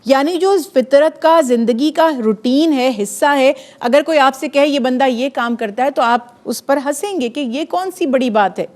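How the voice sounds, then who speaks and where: A woman giving an earnest, measured religious talk on a TV program, building her points through lists of repeated phrases. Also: high-pitched, a little mellow.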